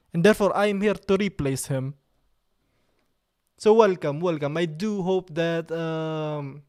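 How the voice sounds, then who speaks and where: This livestream host is a man with an Italian accent, broadcasting casually from his computer. He's playful, cracks jokes, and says things more than once, all in a high, darkish voice.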